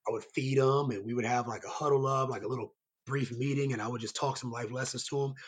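A man with a raspy, hoarse voice, worn from yelling, giving earnest, rambling answers as a coach being interviewed. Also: medium pitch, steady tone, fast. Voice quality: raspy, strained voice. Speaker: high school basketball coach and site coordinator, guest.

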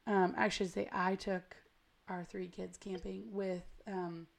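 An American woman hosting a podcast with casual, rambling, slangy chat, her gravelly voice hoarse and smoky from a cold. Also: mid-range voice, little pitch movement, takes it slowly. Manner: chatty, rambling, self-deprecating, slangy. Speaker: podcast host. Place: at home.

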